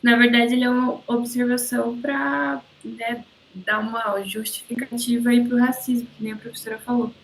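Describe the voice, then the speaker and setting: A woman's voice: on the high side, level tone, moderate pace, a little hiss or hum, rough recording. A woman with a Brazilian accent, a student speaking up in an online class, hesitant and searching for words. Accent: Brazilian Portuguese. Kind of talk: class discussion. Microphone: video call.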